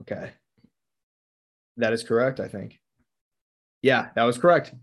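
A man's voice: mid-range voice, a little slow. Young male host, casual, reads quiz options aloud, laughs often. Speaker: podcast host reading quiz questions. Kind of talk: casual chat.

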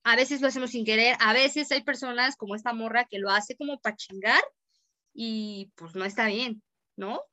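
A woman's voice: fairly high pitch, normal speed, pushed and bright, no room sound. A young Mexican woman co-hosting a podcast, telling a story in casual chat full of slang. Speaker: podcast co-host.

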